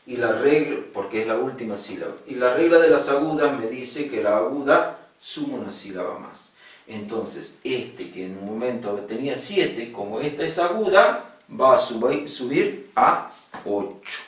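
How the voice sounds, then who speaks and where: A man's voice: medium pitch, animated, moderate pace, distant mic. A male secondary school teacher, patiently giving an online lesson on poetic meter, repeating key words and checking that his students follow. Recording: echoey room, voice from off-mic.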